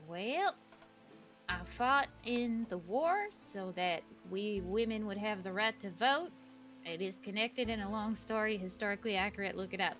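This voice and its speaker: A brisk former suffragette, played by a woman talks in character during a tabletop role-play. She is teasing and fond with her companion. Her voice sits at a middle pitch. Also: fairly bright tone, soft background music, natural voice.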